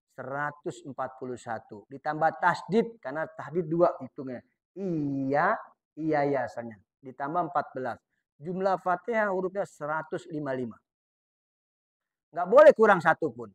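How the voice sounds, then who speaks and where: A man teaching a dawn study session at a mosque, asking questions and answering them himself, and reciting prayer phrases slowly and softly. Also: a little high, lively intonation.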